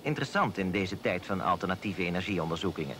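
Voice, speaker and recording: A man giving formal, measured scripted voice-over narration for a documentary. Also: low-pitched, expressive, a little hiss or hum. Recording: voice-over with loud music behind.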